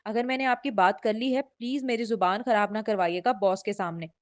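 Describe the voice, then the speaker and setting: A woman's voice: mid-range voice, steady tone, a little fast, close to an everyday voice. A woman reading the lines of a stubborn, demanding young man who is the hero of a romance novel. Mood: insistent. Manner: demanding and insistent.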